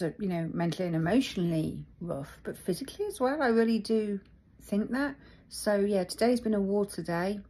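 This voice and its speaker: Husky-voiced woman reflecting aloud. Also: fairly low pitch, a little mellow. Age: middle-aged. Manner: thoughtful, halting, searching for words. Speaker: vlogger. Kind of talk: reflective personal talk.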